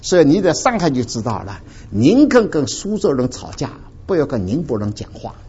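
A man from the area, preaching a sermon and telling stories to the congregation in an animated way. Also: mid-range voice, brisk, a little hiss or hum. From Dinghai, Ningbo area, China. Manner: animated storytelling, addresses the congregation directly. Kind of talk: sermon with personal testimony. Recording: dull lo-fi recording.

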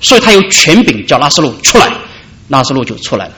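Animated preaching man, sweeping pitch. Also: fast. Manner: preaching with dramatic rises and soft drops. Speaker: pastor. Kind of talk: sermon.

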